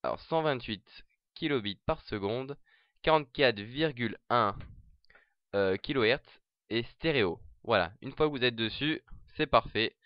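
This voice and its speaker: Chatty man walking through software setup. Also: mid-range voice, lively intonation, a little slow, clear, resonant tone, dry recording, dull audio. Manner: chatty, many fillers and restarts. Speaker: software tutorial presenter. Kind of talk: casual screen-recorded tutorial.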